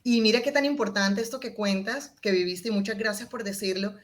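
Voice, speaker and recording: A woman with a medium pitch and a brisk delivery explains, as an interview guest, the method she uses for public speaking. She demonstrates by expressively changing her volume and tone.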